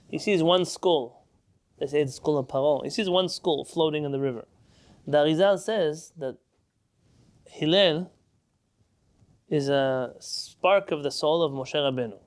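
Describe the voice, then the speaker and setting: A man's voice: a little high, darkish tone. Man teaching a Talmud class. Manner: explains step by step, asks and answers own questions.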